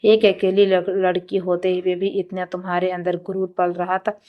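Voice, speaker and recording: A woman's voice: lowish voice, little pitch movement, normal speed, dull audio, lightly acted. A woman reading the lines of a cruel, possessive young man in a story narration, with a cold, taunting delivery. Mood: menacing.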